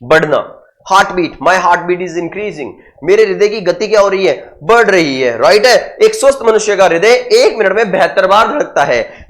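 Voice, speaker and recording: High-voiced Indian man teaching with jokes. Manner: playful, jokey, repeats answers as quiz prompts; sings song snippets and makes sound effects. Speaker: English teacher. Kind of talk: online exam-prep lesson.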